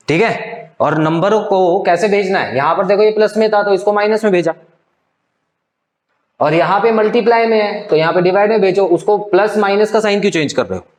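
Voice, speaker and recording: Male tutor, slightly raised voice, patient stepwise live-class explaining. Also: high voice. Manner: explains step by step, often checks with "clear?". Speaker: teacher. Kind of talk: live online math class.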